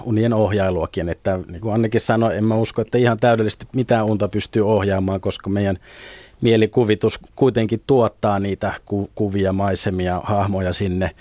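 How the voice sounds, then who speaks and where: A middle-aged man, a lucid dreaming instructor, explaining things in a relaxed way on a radio talk show and chuckling now and then. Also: fairly low pitch, no room sound. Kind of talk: radio studio conversation. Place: radio studio.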